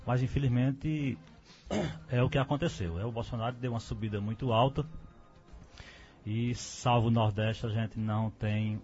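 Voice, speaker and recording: A man stating his position firmly and at a measured pace as a guest on a radio debate. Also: mid-range voice, steady tone, darkish tone, faint music behind. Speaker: guest commentator. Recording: dull lo-fi radio studio sound.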